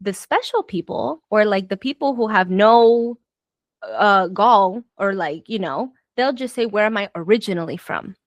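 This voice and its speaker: This casual, reflective conversation comes from a woman who grew up in Southern Florida, US, with Spanish as her first language. Fillers, restarts and bursts of exasperation run through her talk. Her medium-pitched voice keeps a measured pace, and the lo-fi recording has no room sound.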